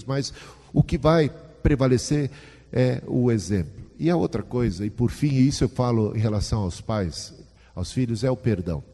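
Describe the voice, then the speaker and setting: A man's voice: medium pitch, mellow, breathy edge. Man preaching in a reverberant hall. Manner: conversational, asks the audience questions. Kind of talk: sermon.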